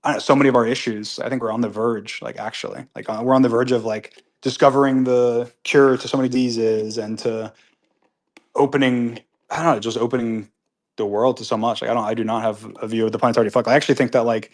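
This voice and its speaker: A man of ordinary pitch hosts a live audio chat from home, answering listener comments off the cuff. He talks casually and earnestly, circling back on himself with plenty of fillers and restarts. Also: fairly even intonation, fast talker. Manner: rambling, with many restarts and fillers; upbeat and earnest when disagreeing. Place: at home with pets nearby.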